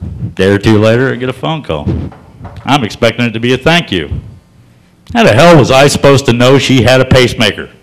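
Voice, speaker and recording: In a comedy club, a man does stand-up, spinning stories in a deadpan, folksy drawl that climbs to loud punchlines. His voice is mid-range and fairly quick, and the audio quality is poor.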